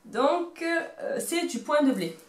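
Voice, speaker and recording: A woman's voice: sits high, animated, slow pace. A woman in her thirties with a Marseille accent chatting casually about her knitting, rambling and hesitant, with self-mocking humor. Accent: Marseille French. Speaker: knitting vlogger. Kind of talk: casual show-and-tell chat. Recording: roomy echo.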